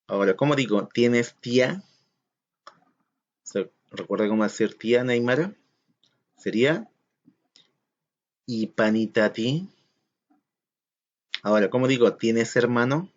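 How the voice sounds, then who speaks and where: A man's voice: mid-range voice, slow pace, pauses often. Patient male teacher, slightly dull audio. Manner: patient, counts aloud and asks questions to the class. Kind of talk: recorded classroom lesson.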